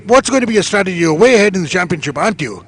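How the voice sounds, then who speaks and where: High-pitched man doing grid interviews. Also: lively intonation, rapid-fire, slight background noise. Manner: chatty, repeats himself, often tags on "okay". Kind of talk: live pre-race interview, casual and off the cuff. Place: outdoors on a race track starting grid.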